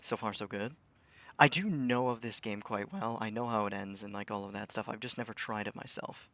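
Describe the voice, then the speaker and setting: A man's voice: lowish voice, fairly quick, fairly bright tone, no echo. A young man streaming a game, talking to himself in a rambling way, stammering and swearing now and then. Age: young adult. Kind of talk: casual live-stream commentary.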